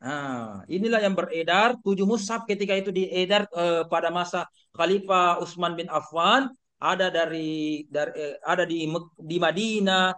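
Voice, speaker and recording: A man's voice: sits high, moderate pace, bright, forceful tone. A middle-aged man lecturing an online class, asking his students questions and repeating points with many fillers. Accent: Indonesian.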